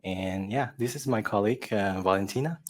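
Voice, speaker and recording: A man's voice: lowish voice, brisk. A man in his thirties from Taiwan, a visual artist speaking casually on a panel, hesitant with many fillers and restarts. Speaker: visual artist, collective member.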